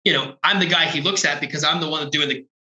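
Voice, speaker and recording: A man with a slightly high, quick, sharp-toned voice is a guest in a casual interview over a video call, discussing his job as a drum tech on tour. He's laid-back and rambling, full of "like" and "you know," and the audio is poor and reverberant.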